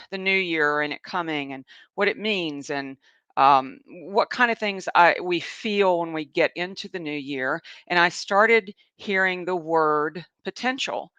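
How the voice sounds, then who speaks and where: A woman's voice: lowish voice, pushed and bright, smooth, no room sound. A woman with a Southern US accent hosting a live show, chatting casually and rambling through a personal story. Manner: chatty, rambling, laughs often, reads viewer comments. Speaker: host, animal communicator. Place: home in Asheville.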